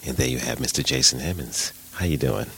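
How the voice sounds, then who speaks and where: Super deep voiced radio dj guy from new york, chatty and laughing a lot. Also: a little fast, gravelly, pushed and bright, a little hiss or hum. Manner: upbeat, chatty, laughs often. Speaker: radio host and DJ. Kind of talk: casual radio interview.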